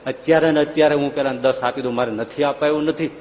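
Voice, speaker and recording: A man voicing a poor, indebted neighbor who pleads softly about his hunger. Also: steady tone, fast, dull audio, lightly acted. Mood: pleading. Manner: soft, low, pleading. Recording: long hall reverb, faint background noise.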